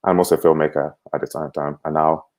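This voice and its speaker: A young man in his twenties from Cameroon talks as a livestream guest. His voice is very low, and he speaks in a relaxed, easy way with frequent chuckles. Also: quick pace. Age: 20s. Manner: relaxed, conversational, chuckles often. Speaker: guest, company co-founder. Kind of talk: livestream interview.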